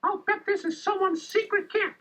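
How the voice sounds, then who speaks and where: A man voicing a plucky, cheerful cartoon mouse in a squeaky falsetto for a children's audio storybook, earnest and kindly. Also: steady tone, moderate pace, sharp tone. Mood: curious, determined. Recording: dull lo-fi tape, music behind.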